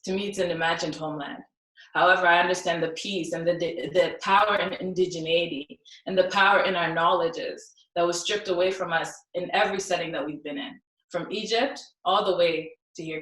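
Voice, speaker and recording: Recorded from afar in a room with echo, this young adult symposium speaker from South Sudan delivers a heartfelt personal talk and recites a poem. She says um often, and her lowish voice carries a slight brightness.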